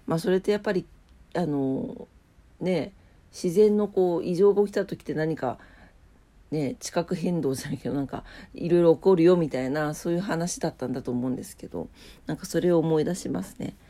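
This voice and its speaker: A woman's voice: deep voice, a little fast, dark tone. A woman with a nasal, stuffed-up, drowsy voice, chatting casually as she reads out a morning bulletin. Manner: drowsy, unpolished. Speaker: host of a daily morning weather and today-in-history show. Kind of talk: casual chat mixed with reading weather and trivia notes.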